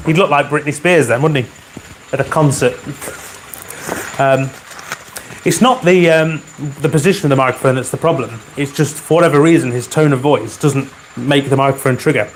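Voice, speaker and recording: Male livestream host, mid-pitched, chatty and dryly funny, frequent throat-clearing, faint room hiss. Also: moderate pace, poor audio. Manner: chatty, reads out viewer comments with dry humor. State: keeps clearing his throat. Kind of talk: casual live chat. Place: home garage with a model railway layout. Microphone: wearing a microphone.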